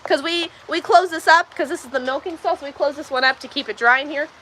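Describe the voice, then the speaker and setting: A high, bright-toned woman, talking casually to livestream viewers from a farm's milking stall. Chatty and easygoing, she answers questions while handling the cows, and a faint hum of noise sits behind her. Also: fast, rough recording. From Texas, USA. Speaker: livestream host. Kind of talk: casual livestream chat while doing farm chores. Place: milking stall in a barn on a farm.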